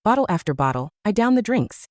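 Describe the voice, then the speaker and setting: A woman narrating a first-person romance audiobook story in an expressive storytelling manner. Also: mid-range voice, brisk, dry recording, clean studio sound.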